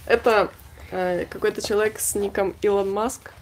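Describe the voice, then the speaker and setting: Young woman on a vlog, normal pitch, chatting casually, kinda wry and jokey. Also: fairly even intonation, moderate pace, slight background noise. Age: 20s. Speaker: vlog co-host reading out comments. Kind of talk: casual chat. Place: small indoor room packed with gear.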